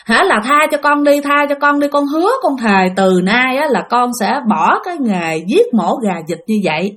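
A frightened village wife pleads and begs, as a woman storyteller plays her. Her voice is fairly high and swings widely. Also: very animated, moderate pace, fairly bright tone. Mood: pleading. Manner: begging, fearful.

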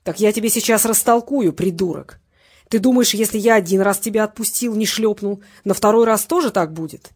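A woman reading an audiobook, voicing a tough sarcastic man who threatens a rival over the phone in a loud, mocking way. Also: medium pitch, fairly quick, breathy edge, lightly acted. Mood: menacing.

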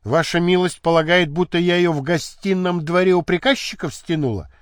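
A man's voice: sits high, a little fast, clean tone, dry recording, clean studio sound, lightly acted. A man voicing an indignant, defiant young woman in an audiobook.

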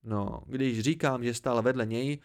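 A man reading a novel aloud in calm first-person storytelling, an amateur audiobook narration. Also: mid-range voice. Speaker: audiobook reader.

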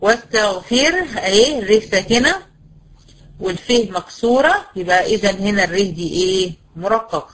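A woman with an Egyptian Arabic accent teaching a tajweed lesson. She poses questions and answers them herself, and drills sounds slowly and patiently. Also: mid-range voice, poor audio. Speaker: Quran recitation teacher.

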